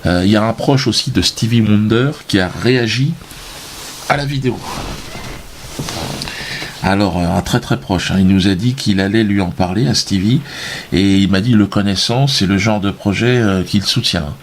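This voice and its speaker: Low-voiced man in deadpan comedic monologue. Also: moderate pace. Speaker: comedian presenting his own video. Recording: steady background noise, clicks.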